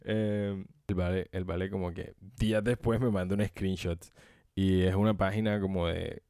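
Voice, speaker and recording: A very low-pitched man, talking casually alone on his podcast. He rambles, swears and jokes, close to the mic in a dry, dead-sounding room. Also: steady tone, moderate pace, warm tone, clean tone, dry recording. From Colombia. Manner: rambling, profane and joking, often laughing. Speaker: podcast host. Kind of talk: casual solo podcast monologue. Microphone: close microphone.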